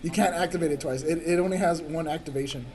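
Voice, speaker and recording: A man's voice: a little high, quick pace, a crowd in the background. A man streaming a game, chatting casually with a friend, joking and laughing a lot. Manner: goofy, jokey, laughs often, bursts into silly voices. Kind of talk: casual gaming chat.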